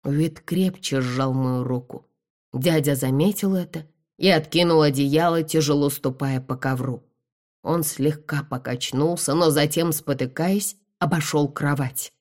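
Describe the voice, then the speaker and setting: Low-voiced woman reading an audiobook. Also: a little slow. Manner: expressive, dramatic reading. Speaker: audiobook narrator. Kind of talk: first-person audiobook narration.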